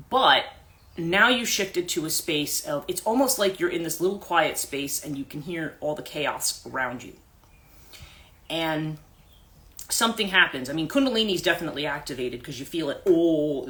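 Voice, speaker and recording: Middle-aged woman, bright clear voice, life coach, rambling reflective storytelling, phone livestream. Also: low-pitched. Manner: rambling, personal, full of fillers and restarts.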